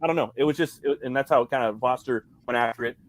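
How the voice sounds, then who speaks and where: A man's voice: medium pitch, fast. A man co-hosting a podcast, rambling and swearing as he chats casually about films. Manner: rambling, heavy swearing, slangy. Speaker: podcast co-host. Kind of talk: casual movie chat.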